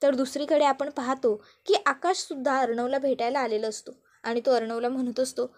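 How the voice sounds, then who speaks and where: High-voiced woman narrating a recap. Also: brisk. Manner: steady, descriptive narration. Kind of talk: storytelling episode recap.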